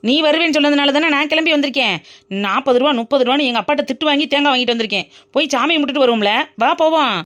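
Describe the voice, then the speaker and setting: A woman's voice: high-pitched, racing, fairly bright tone. A woman voicing a brash, cheeky young female best friend in a cartoon, teasing and bantering. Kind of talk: cartoon voice acting.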